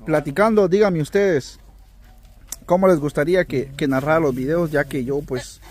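High-voiced joking Guatemalan man. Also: moderate pace, a little mellow. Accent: Guatemalan Spanish. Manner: joking, chatty, addresses viewers. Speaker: vlogger, taco seller. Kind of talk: casual chat.

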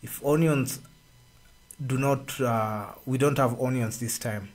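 A man, co-hosting a radio discussion and explaining at an unhurried pace with pauses and fillers, speaking into a studio microphone. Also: medium pitch. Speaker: radio co-host. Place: radio studio with red walls. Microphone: studio boom mic.

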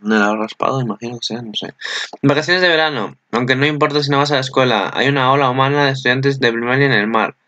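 A man's voice: mid-range voice, bright, forceful tone, dry recording. A young man from Spain with a Spanish accent, giving casual, rambling commentary on an anime preview with lots of filler tags.

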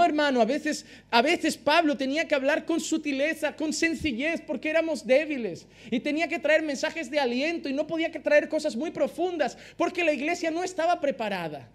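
A pastor preaching an impassioned sermon, repeating phrases for emphasis. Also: male voice, very high-pitched.

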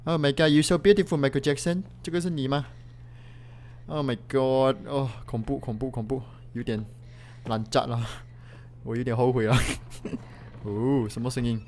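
Man, young, excitable horror-game commentary, mixes in English, slight background hiss. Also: medium pitch, normal speed. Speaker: gaming YouTuber.

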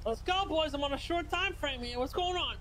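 A woman's voice: sits high, brisk, a bit bright. A woman playing a brash, menacing, foul-mouthed street gangster in improvised online game role-play. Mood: cocky. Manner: swearing, taunting, confrontational. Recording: faintly noisy game voice chat.

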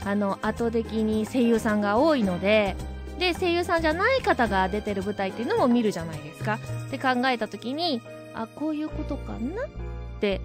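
A woman hosting her own web radio show, talking casually and reflectively, thinking aloud with soft asides. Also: on the high side. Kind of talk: casual solo radio talk. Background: background music.

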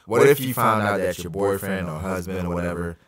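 A man's voice: deep voice, a little fast, a crowd in the background. A man hosting a casual podcast chat from a small home room, talking animatedly and jumping up when he makes a point. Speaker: podcast host.

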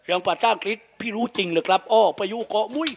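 A man's voice: high voice, racing. A man with a Southern Thai accent, a shadow puppet master telling crude comic stories with jokes and laughs. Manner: crude, joking storytelling with laughs.

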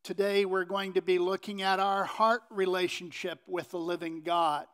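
A middle-aged man preaching from a pulpit in a church sanctuary, unhurried and halting with many fillers. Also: high-pitched, fairly even intonation, fairly bright tone. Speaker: pastor. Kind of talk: sermon.

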